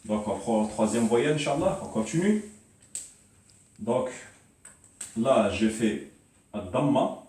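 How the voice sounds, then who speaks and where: A man's voice: mid-range voice, expressive, a little mellow. A man teaching an Arabic reading lesson, drilling syllables one by one with many fillers and repeats. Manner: slow, repetitive drilling of syllables, frequent "donc" and "euh". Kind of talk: classroom lesson. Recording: very echoey room, mic at a distance.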